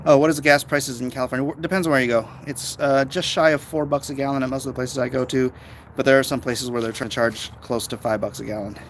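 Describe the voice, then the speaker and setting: A fast-talking American man with a mid-range voice and fairly even intonation goes through viewer comments on a live stream. He's out in his backyard, speaking spontaneously in a casual, opinionated, emphatic vlogger style. The recording picks up traffic and a noisy urban backdrop.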